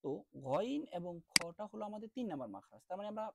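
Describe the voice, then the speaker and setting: A man teaching an online class, explaining letter sounds step by step and drawing each sound out slowly, then asking questions and answering them himself. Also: high-pitched, big pitch swings, vocal fry, heavy background noise. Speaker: Quran recitation teacher.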